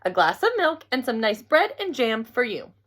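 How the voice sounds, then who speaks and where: A woman's voice: on the high side, sing-song, moderate pace, a bit bright. A woman voicing a cheerful, reassuring mother in a children's storybook. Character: Mother, cheerful caring parent of a little girl.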